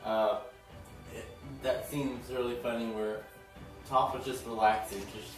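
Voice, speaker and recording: A man's voice: mid-range voice, level tone, a little slow, recorded from a distance. A man giving a casual, chatty episode recap, often laughing and acting out what characters said. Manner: chatty, giggly, acts out characters' lines. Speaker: TV episode reviewer. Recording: very echoey room, voice off-mic, faint music.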